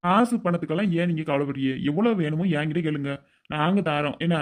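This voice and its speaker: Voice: mid-range voice, fast, lightly acted. Someone voicing a hearty generous cartoon man. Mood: hearty reassuring. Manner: hearty, reassuring, offers help. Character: generous adult man, Mustafa, cartoon relative. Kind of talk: cartoon voice acting.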